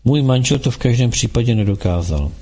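A man voicing a woman seer, speaking gently and kindly with a sad calm. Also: medium pitch, close to an everyday voice.

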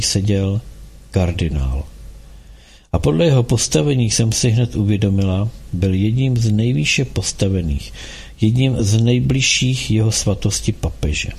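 A man hosting a radio show, reading a novel aloud in a calm, steady storytelling manner. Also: on the low side, creaky, breathy edge. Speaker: radio host.

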